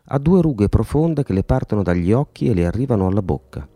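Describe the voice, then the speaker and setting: A man's voice: sing-song, a little fast, warm tone, no echo, studio quality. A man reading aloud and voicing a scornful, jealous middle-aged mother who gossips with sarcasm in an audiobook. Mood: gossipy scorn. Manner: shrill, sarcastic, spiteful gossip. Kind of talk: audiobook character voice.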